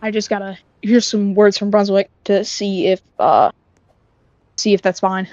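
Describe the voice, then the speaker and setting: A woman's voice: medium pitch, no echo. Woman commentating a sim race, lo-fi mic. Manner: casual, repeats herself, quick to get excited over close racing. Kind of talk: live sim racing commentary. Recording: dull lo-fi stream mic.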